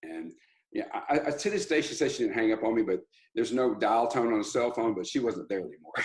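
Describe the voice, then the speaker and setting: A man, a country singer telling stories in an interview, animated and rambling with restarts and laughs. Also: on the low side, moderate pace, rough recording. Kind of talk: casual interview storytelling.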